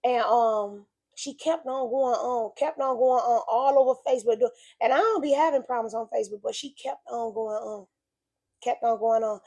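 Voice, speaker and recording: At a moderate pace, a woman with a fairly high, darkish voice made slightly raspy by illness gives a casual spoken reflection on faith. She's earnest and preachy, talking conversationally and hammering points home through repetition.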